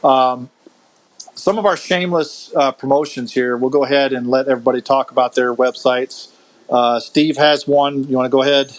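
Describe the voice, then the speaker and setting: A man's voice: medium pitch, steady tone, normal speed, low-quality recording. A man hosting a casual podcast over a video call, easygoing and chatty, laughing often and restarting his sentences. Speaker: podcast host. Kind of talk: casual chat.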